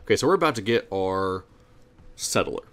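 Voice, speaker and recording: A man casually commenting on his strategy game as he plays, rambling and thinking out loud with sarcastic asides, on a desk mic without a pop filter. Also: low-pitched, animated, moderate pace. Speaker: gameplay commentator. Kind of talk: casual let's-play commentary.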